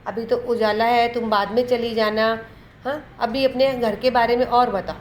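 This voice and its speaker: A woman's voice: a little high, normal speed, slight background noise, lightly acted. A coaxing rich merchant, read by a woman teacher. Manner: coaxing, flattering, repeats himself. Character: sweet-talking rich old merchant coaxing a bird.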